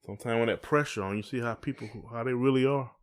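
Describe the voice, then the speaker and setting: The host, a middle-aged American man, talks fast in a mid-range voice during a casual podcast chat. He's conversational and colloquial, and often reflective.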